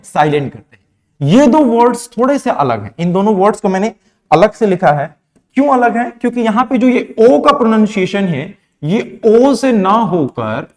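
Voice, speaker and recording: A man's voice: high voice, darkish tone. A young man from India teaching pronunciation in a classroom lesson, asking questions and answering them himself. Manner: asks questions then answers them himself, mixing Hindi and English.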